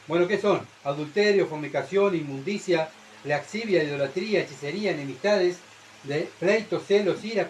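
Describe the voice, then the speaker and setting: Man, Uruguayan accent, sermon, high voice, faint room hum. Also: rough recording. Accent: Uruguayan Spanish. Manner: rhetorical questions to the congregation, frequent "¿verdad?". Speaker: preacher. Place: church.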